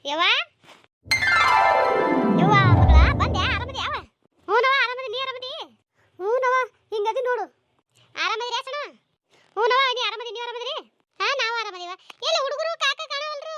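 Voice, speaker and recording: A very high, squeaky cartoon voice that races along at a breakneck pace. It sounds bright and sharp and is recorded dry and close. The performer scolds and nags as a comic village family. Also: dry recording. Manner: scolding, nagging village chatter with crying whines.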